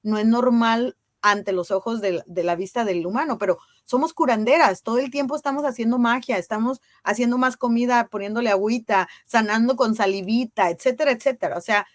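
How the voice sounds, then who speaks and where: A woman speaks as a guest in a casual interview. Her voice sits fairly high and sounds dry and close. She talks earnestly and with emphasis, often asking rhetorical questions. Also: brisk, no echo. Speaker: guest on women's ceremonial circles.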